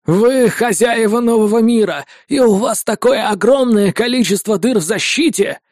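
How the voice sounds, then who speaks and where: A man's voice: sits high, moderate pace, a little mellow, dry recording, studio quality, voice pushed up. A man voicing an agitated, indignant male doctor who lectures and pleads.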